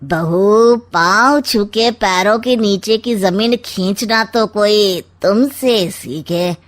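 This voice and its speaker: A woman voicing a scheming, smug older uncle in a comic cartoon story, with a sardonic, drawn-out delivery. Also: mid-range voice, lightly acted. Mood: sarcastic.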